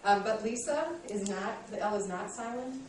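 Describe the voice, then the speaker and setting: Heard from a distance in an echoey classroom, this 30s college instructor lectures in a medium-pitched voice at a moderate pace, with a little hiss or hum underneath. She's a woman in her late thirties, warm and self-deprecating, and says um often.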